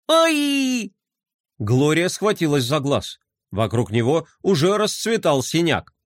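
Lively man narrating a kids' story. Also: fairly high pitch, dry recording, clean studio sound. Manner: expressive, lively.

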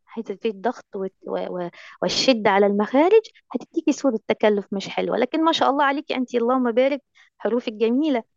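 Woman recitation teacher, Egyptian accent, brisk and coaxing, dry lo-fi call audio. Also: on the high side, a little mellow, no echo. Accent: Egyptian Arabic. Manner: affectionate, coaxing, heavy on endearments. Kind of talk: online recitation lesson.

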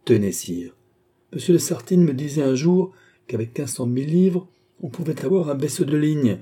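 A dignified young queen speaks with earnest resolve in a storybook reading, voiced by a man. The tone is dark and mellow, with a husky grain. Her lines come steady and measured. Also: a little high, voice pushed up. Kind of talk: audiobook reading.

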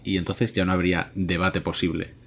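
A man co-hosts a casual podcast in a low-key way, with dry humor. His voice sits a little low and has a husky edge. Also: little pitch movement, fairly quick, fairly bright tone. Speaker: podcast co-host.

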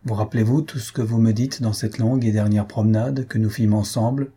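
A man with a lowish, slightly rough, warm voice reads the lines of a despairing young nobleman. His delivery is brisk and steady in tone, firm and reproachful, with a bitter mood.

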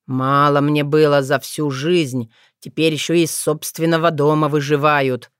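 A weary, grumbling young man from a storybook, played by a woman narrator. He mutters low and slowly with a resigned air. The recording is dry and close. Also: flat delivery, smooth, no echo.

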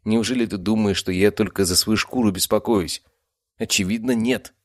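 A man's voice: fairly low pitch, steady tone, moderate pace, no room sound, clean studio sound, voice pushed up, natural voice. A man voicing a firm, caring young nobleman hero who scolds his companions in an audiobook.

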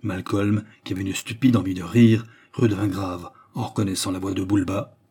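A man reading a novel aloud in a steady, measured narration. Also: deep voice, breathy edge. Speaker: audiobook reader. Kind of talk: scripted narration.

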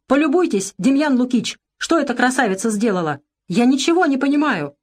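A flustered young country doctor talks in an excited rush of alarm, as a woman reading the story plays him. The voice runs higher and louder than her narration. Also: brisk.

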